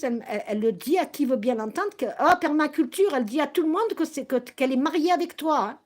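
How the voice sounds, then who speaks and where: A woman ranting to her viewers on a live stream, angry and accusing, often stumbling and restarting her sentences. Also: sits high.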